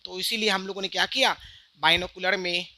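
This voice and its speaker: Bright-voiced man teaching physics. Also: high-pitched, fairly even intonation, brisk, dry recording. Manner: keeps asking "right?" and speaks to the students directly. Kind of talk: explaining a diagram on an online lesson.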